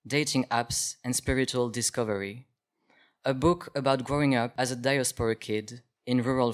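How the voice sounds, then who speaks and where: A man hosts a book talk in a mid-range voice, casual and conversational. He pauses often, fills gaps with fillers, and restarts his questions as he goes. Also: mid-range voice. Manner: hesitant, with many fillers and restarts.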